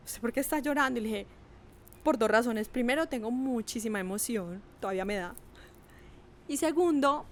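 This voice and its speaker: A middle-aged woman, telling a personal story in a lively, animated way with acted quotes. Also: a little high. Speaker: podcast guest. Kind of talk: casual storytelling.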